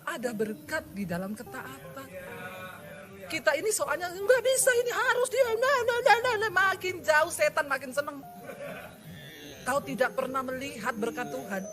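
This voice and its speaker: A high-pitched, middle-aged woman pastor delivers a sermon through a personal testimony. She tells the story with lively swings in pitch, exclaims, and acts out the people she quotes. Music plays clearly behind her. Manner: animated storytelling, mimics quoted voices, exclaims and laughs.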